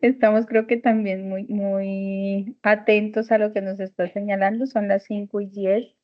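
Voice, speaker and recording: A woman's voice: medium pitch, level tone, measured pace. Polite woman on a muffled call. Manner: polite, accommodating. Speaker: session coordinator.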